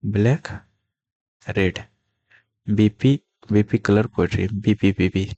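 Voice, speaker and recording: Male tutor, low flat hush, repeats for memory, dry close sound. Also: takes it slowly, no room sound, dull audio. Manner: speaking softly to avoid coughing; repeats key terms and mnemonics. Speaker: teacher. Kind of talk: exam-prep lecture.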